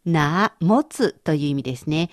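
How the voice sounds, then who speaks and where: A woman's voice: low-pitched, lively intonation, moderate pace, dry recording, clean studio sound. A woman teaching Chinese vocabulary in a radio lesson, explaining each word patiently and carefully.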